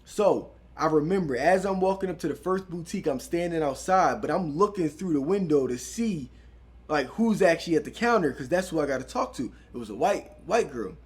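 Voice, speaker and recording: A young man telling a personal business story in a casual, animated way. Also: on the high side, fairly quick. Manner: animated, conversational, says "yo" and "right?" often.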